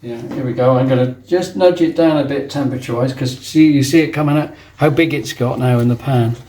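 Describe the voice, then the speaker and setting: A guest cook, a man, demonstrates a dessert in a kitchen, chatting and joking as he narrates each step. His voice is mid-range, warm, and quick.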